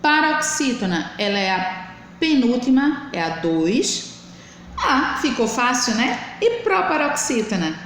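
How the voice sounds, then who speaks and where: Woman, teacher, slow and clear, slightly high voice, echoey room. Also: sing-song, fairly bright tone. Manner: slow, drawn-out syllable counting. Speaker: primary school teacher. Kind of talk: recorded remote lesson for children. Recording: echoey room with faint hiss.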